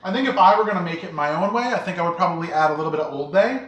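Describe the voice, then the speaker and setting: A relaxed cooking-show co-host chatting casually about a dish, trailing off with fillers. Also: medium pitch, rapid-fire, roomy sound.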